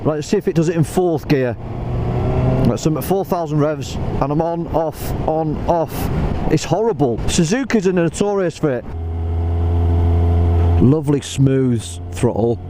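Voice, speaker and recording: A man's voice: on the high side, a little slow, long pauses. A man speaking from inside a motorcycle helmet, giving chatty, spontaneous riding commentary and thinking aloud as he goes. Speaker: motorcycle reviewer. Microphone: microphone inside helmet. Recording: loud wind and engine noise in helmet. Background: wind noise and motorcycle engine.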